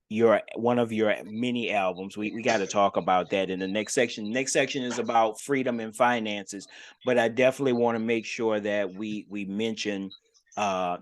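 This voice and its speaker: Easygoing male talk show host. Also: fairly low pitch. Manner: easygoing, affirming, laughs along. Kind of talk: casual interview chat.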